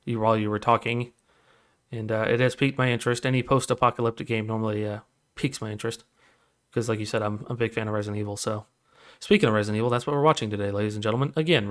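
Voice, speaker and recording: A man's voice: on the low side, steady tone, rapid-fire. A man co-hosting a podcast in casual chat, easygoing and rambling. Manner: easygoing, rambling with fillers and restarts. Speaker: podcast co-host.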